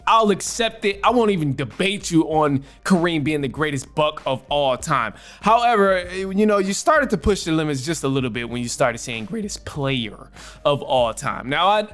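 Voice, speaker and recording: A man hosting a sports talk show, giving casual, slangy opinions with emphatic repetition. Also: high-pitched. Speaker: sports show host answering voicemails.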